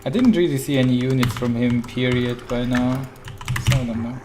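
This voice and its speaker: A man calmly commentating his own live strategy game, in a mellow, flat, laid-back voice, chatting and often laughing. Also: medium pitch, moderate pace. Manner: mellow, flat monotone delivery. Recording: noisy with keyboard clatter. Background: keyboard typing and mouse clicks.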